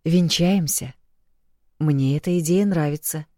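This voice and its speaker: A woman voicing a playful young husband in an audiobook, speaking low and murmuring. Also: unhurried, dark tone, no room sound, studio quality. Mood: teasing.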